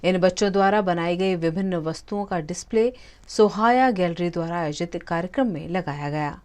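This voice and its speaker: A woman news anchor reading bulletin items in a crisp, formal way. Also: on the low side, a little fast, darkish tone.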